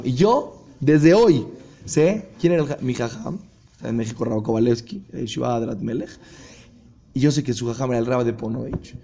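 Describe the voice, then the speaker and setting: A rabbi delivers a sermon in a slightly high voice. He tells stories with animation, slipping into the voices of the people in them. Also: dull audio. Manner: animated storyteller acting out dialogue. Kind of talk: sermon with storytelling.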